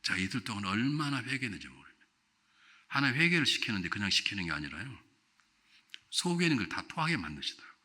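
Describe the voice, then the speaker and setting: An older male revival preacher with a lively, animated voice that swings from loud, ringing exclamations to quiet storytelling. His tone is bright and forceful, and he sits low in pitch. He keeps putting questions to the congregation. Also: fast, long pauses. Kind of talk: revival sermon. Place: church sanctuary.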